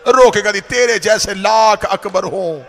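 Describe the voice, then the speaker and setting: A man's voice: high-pitched, slow, fairly bright tone. A man, a cleric, recites a mourning sermon as impassioned, wailing storytelling that swells into cries at a mourning gathering. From Pakistan.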